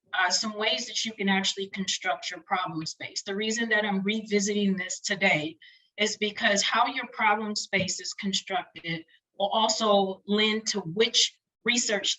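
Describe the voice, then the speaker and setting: Bright-voiced woman lecturing quickly online. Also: medium pitch, low-quality recording. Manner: rapid, chatty, friendly lecturing. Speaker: webinar presenter for doctoral students.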